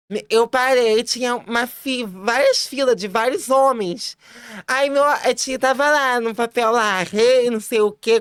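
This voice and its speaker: A woman guest on a podcast, telling a story in a lively, laughing way, full of quick restarts and high-pitched quoted voices. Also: clean tone, no echo. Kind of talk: casual storytelling chat.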